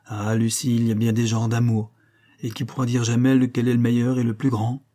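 A man's voice: mid-range voice, completely flat delivery, fairly quick, mellow, lightly acted. A man reading an audiobook and voicing a proud young woman with a mocking, knowing manner.

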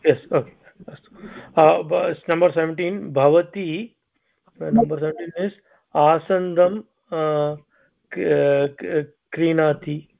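A man student in a group voice call, reading exercise answers aloud in a halting way, with many fillers. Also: on the high side, fairly even intonation, creaky. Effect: heard through a group voice call. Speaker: student in an online language class. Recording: phone-like voice call audio.

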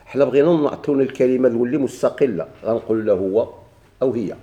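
A man's voice: mid-range voice, fast talker, warm tone, dull audio. A man with a Moroccan accent teaching a grammar lesson, putting questions to his students and answering them himself, repeating each key point.

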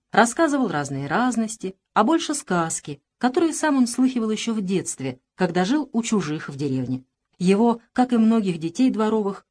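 Woman, audiobook narrator, measured, expressive, mid pitch, lively intonation.

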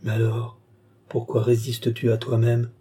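A man's voice: medium pitch, monotone, moderate pace, mellow, slight background noise, close to an everyday voice. A man reading the lines of a young woman desperately in love, in an impassioned, pleading delivery. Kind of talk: audiobook character reading.

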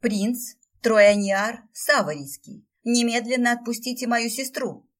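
Young royal sister, commanding, read by a woman narrator; breathy tone, slightly distant mic. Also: mid-range voice, animated, unhurried.

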